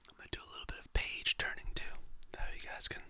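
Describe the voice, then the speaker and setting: An adult ASMR creator whispering softly and slowly, reading calming quotes in an encouraging way. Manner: soft, relaxed, slow-paced, encouraging.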